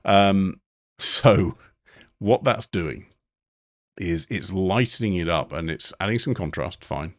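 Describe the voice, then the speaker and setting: A man giving a live-streamed photo editing tutorial, relaxed and thinking aloud with frequent ums. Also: low-pitched, slow pace, muffled recording.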